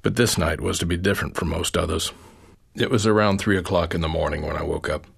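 A middle-aged man reading his own memoir essay aloud, in a quiet, measured storytelling manner. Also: deep voice, gravelly, husky.

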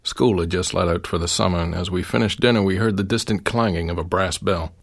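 A middle-aged man reading his own memoir essay aloud, in a quiet, measured storytelling manner. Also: low-pitched, gravelly.

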